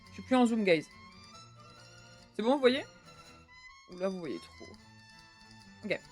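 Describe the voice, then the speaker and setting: A woman's voice: medium pitch, expressive, measured pace. Young woman streamer, chatty and casual, swears loosely, faint music behind. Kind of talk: casual live-stream chat.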